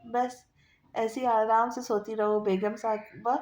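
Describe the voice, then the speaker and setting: A woman's voice: fairly high pitch, flat delivery, darkish tone, close to an everyday voice. A woman voicing a mischievous young husband who sneaks in at night, talking in a teasing, bossy way. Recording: echoey room.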